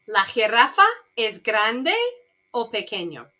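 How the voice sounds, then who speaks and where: A woman's voice: mid-range voice, slow, sharp tone. A woman teaching a beginner language class, asking students simple yes-or-no questions and translating each phrase for them. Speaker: Spanish teacher. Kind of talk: bilingual language lesson, slow and repetitive.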